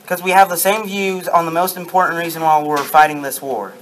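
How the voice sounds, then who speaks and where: A proud sock-puppet statesman, played by a young man in an amateur show. The voice sits fairly high and recites its lines stiffly, with faint noise in the recording. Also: fairly even intonation, fairly quick, a bit bright, lightly acted, low-quality recording. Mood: proud, earnest. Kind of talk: amateur puppet-show role-play, scripted. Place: darkened room with projection screen, puppeteers low at front.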